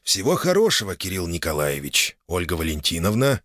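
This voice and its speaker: A man's voice: lowish voice, very animated, normal speed, a bit bright, no echo, clean studio sound, pitched above the performer's own voice. A man voicing a grumpy, formal old nobleman in his eighties in an audiobook. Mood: curt displeasure. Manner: stiff, displeased, formal.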